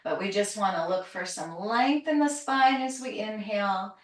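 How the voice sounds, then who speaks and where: A woman yoga teacher leading a calm grounding exercise, gently and soothingly cueing breath and movement. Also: medium pitch. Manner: gentle, soothing, unhurried instruction. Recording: roomy echo, distant microphone.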